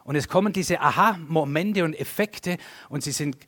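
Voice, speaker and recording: A man preaching a sermon and leading prayer, addressing the congregation directly with sweeping rises and falls in pitch and loudness. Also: normal speed. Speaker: pastor.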